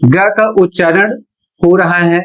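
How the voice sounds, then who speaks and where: A woman's voice: fairly low pitch, steady tone, takes it slowly. A woman teacher explaining English pronunciation rules in a classroom-style lesson, spelling words out letter by letter.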